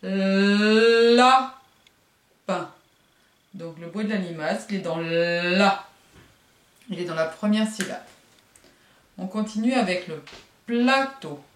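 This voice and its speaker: A woman teaching young children a phonics lesson, stretching out syllables and sounds slowly and clearly. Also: lowish voice. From France. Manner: slow, drawn-out syllables, sings sounds. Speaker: kindergarten teacher. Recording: echoey room, voice from a distance.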